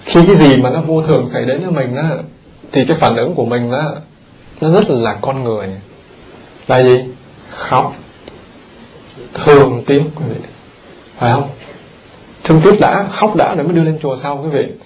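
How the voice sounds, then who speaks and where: A man, a Buddhist monk, giving an animated dharma talk in a temple hall, often turning to the audience with questions. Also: medium pitch, normal speed, pauses often, dull audio, a little hiss or hum.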